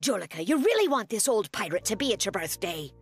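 A woman's voice: medium pitch, sing-song, fast, slightly rough. A woman voicing a blustering houseboat captain mother in a cartoon, theatrical and commanding, with pirate lingo. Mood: indignant, bossy. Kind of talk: animated cartoon dub acting. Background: background music.

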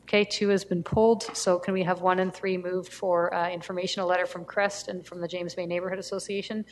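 A woman chairing a council meeting, running motions and votes in a brisk procedural way with some fillers. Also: fairly low pitch, level tone. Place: council chamber. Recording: long reverb, faint room noise, council chamber.

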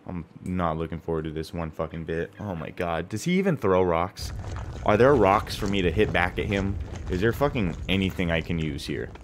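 Profane, exasperated gaming host. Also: male voice, sits low, expressive, normal speed, a little hiss or hum. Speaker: let's play host. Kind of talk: gaming commentary. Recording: game music behind voice.

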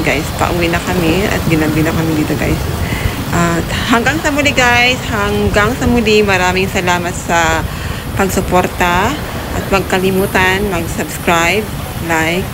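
Narrating a casual travel vlog, a woman with a fairly low voice chats with her viewers and keeps calling them "guys." There is heavy background noise.

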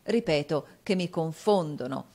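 A woman reading an audiobook, voicing an agitated, cryptic middle-aged male clerk in a loud, urgent way. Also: deep voice, expressive, a little slow. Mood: secretive.

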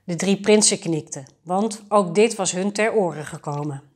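A woman storyteller reading a fairy tale for adults aloud in a calm, measured way. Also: lowish voice.

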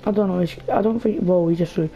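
A mellow, lowish female voice rattles along quickly as a young gaming host gives casual play-by-play. She nervously talks to her audience and to one of the game's characters, captured by a dull lo-fi mic over faint game music.

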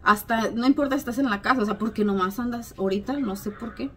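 A woman vlogger, chatting at home late at night, a little hoarse, self-mocking and full of fillers. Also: on the high side, quick pace, a little hiss or hum. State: slightly hoarse. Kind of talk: casual chat to camera.

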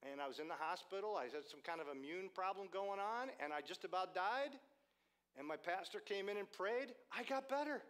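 A male preacher voicing an excitable grown man he met on the roadside, speaking eagerly and animatedly. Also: sits high, fairly quick, clean tone, voice pushed up. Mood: earnest. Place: church.

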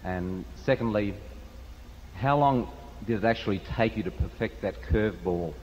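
A man's voice: on the low side, moderate pace, darkish tone, slight background noise. A man in the audience asking a polite, formal question with a light joke. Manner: polite, formal, a little joking. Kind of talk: prepared question from the floor. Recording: dull hall recording with faint ambience.

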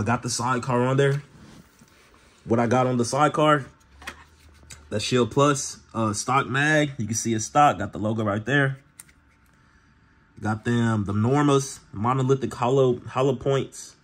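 A man with a husky, mid-pitched voice shows off gear to the camera. He talks in a casual, slangy, laid-back way, addressing viewers like friends as a channel host would. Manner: slangy, laid-back, peppered with "bro" and "y'all". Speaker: gun channel vlogger.

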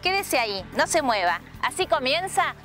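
A woman's voice: high-pitched, sing-song, moderate pace, over music. A woman hosting a lifestyle show, delivering a scripted, welcoming introduction on an outdoor seaside promenade. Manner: bright, welcoming presenter tone. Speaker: show host.

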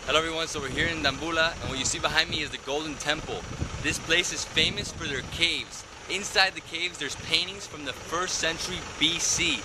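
A man's voice: a little high, a little fast, noisy background. A young man hosting a travel vlog, explaining sights enthusiastically while walking outdoors and through caves. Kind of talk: casual travel vlog narration. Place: outdoors at a temple site and inside caves.

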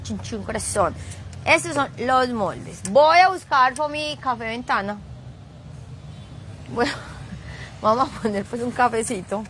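A woman's voice: fairly high pitch, expressive, unhurried, long pauses, a bit bright, a little hiss or hum. A woman leading a live craft tutorial, chatty and teasing, dropping playful sound effects as she works. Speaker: craft instructor streaming live.

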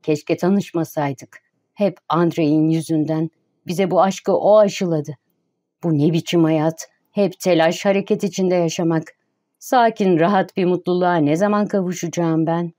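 A woman reading the lines of an idle, gentle young gentleman in an audiobook, in a soft, plaintive way. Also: lowish voice, steady tone, unhurried, close to an everyday voice. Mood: lamenting.

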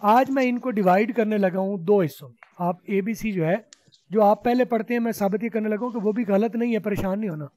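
High-voiced man teaching an online class. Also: fairly quick, a little mellow, no echo. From Pakistan. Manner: explains patiently, repeats sounds for students to copy. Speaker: spoken English teacher. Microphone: video call.

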